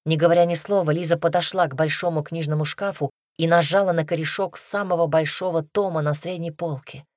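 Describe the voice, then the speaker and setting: A woman narrating an audiobook in a measured, even storytelling manner, close to the mic. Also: low-pitched, dry recording. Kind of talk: scripted narration.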